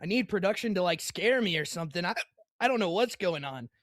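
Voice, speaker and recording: Young guy doing esports play-by-play, kinda high voice, dead dry sound, hiccuping n saying sorry to chat. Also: lively intonation, brisk, a bit bright, no room sound. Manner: hiccuping, apologetic asides to chat. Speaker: esports caster. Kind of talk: play-by-play commentary.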